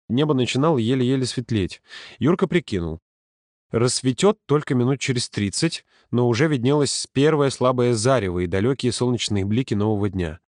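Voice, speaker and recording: Calm male audiobook narrator, dry sound. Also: medium pitch, no room sound. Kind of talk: scripted narration.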